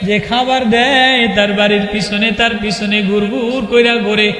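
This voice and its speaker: A Bangladeshi man preaching an emotional Islamic sermon, pleading in a plaintive, half-sung chant with drawn-out endings. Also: sits high, fairly even intonation. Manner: pleading, impassioned. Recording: echoey hall with long reverb, music behind.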